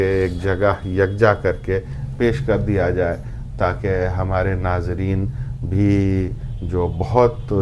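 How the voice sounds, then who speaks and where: A man hosting a conversation on poetry, speaking in a measured way with frequent hesitations. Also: low-pitched, background noise. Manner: measured, hesitant with many fillers. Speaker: host. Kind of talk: interview.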